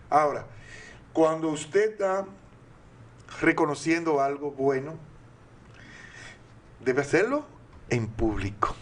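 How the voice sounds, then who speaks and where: High-voiced older Dominican man. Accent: Dominican Spanish. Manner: earnest and didactic, with rhetorical questions. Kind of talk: advice talk.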